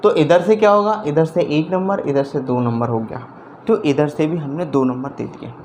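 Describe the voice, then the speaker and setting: Slow-talking man teaching a math lesson. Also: on the high side, a little mellow, a little hiss or hum. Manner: slow, repetitive explaining, often checking understanding.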